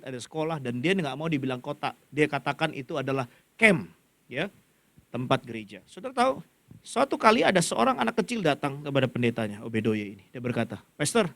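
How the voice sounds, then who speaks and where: Guy preaching at church, voice a bit high, jumps around a lot, dry sound. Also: no echo. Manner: lively preaching, wide pitch swings, asks congregation to repeat. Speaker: pastor. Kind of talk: sermon. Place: church stage.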